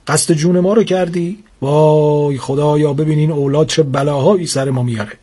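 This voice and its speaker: A man's voice: a little high, steady tone, warm tone, breathy edge. A man voicing a grumpy, melodramatic older father who scolds and complains in a comic story. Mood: scolding.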